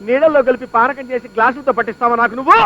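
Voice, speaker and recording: An actor playing a joking middle-aged husband who chats and teases in a film comedy. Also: male voice, very high-pitched, rapid-fire. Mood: coaxing. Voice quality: wisecracking, chatty. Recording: dull lo-fi film audio.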